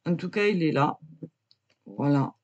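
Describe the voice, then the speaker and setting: This woman's deep, a little mellow voice is animated yet a little slow, heard on a lo-fi recording. As an amateur artist showing her drawing, she guides viewers casually but hesitantly, saying "voilà" and "euh" a lot, and she's quick to cough or choke while talking.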